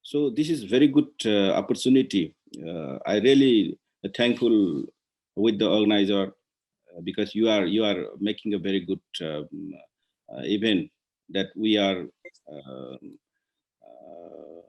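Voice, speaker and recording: A man from Nepal, giving halting guest remarks on a video call, with many pauses and restarts. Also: low voice, creaky, a little mellow. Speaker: guest speaker. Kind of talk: virtual meeting remarks.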